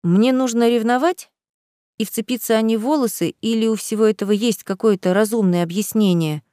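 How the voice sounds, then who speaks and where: A woman's voice: a little high, fairly quick, dark tone, no room sound, studio quality, close to an everyday voice. A woman doing a sly, teasing young woman. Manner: teasing, drawling.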